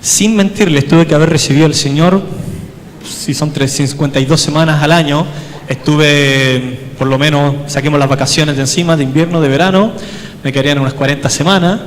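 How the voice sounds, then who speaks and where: A man's voice: fairly high pitch, steady tone, brisk. A man preaching a sermon in a church, telling stories with humor and acting out past dialogues. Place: church hall. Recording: long church hall reverb, faint background noise.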